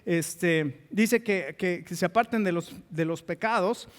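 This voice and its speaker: A pastor with a Mexican accent preaching a sermon, impassioned and emphatic. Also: male voice, high voice, a little slow, in a large hall.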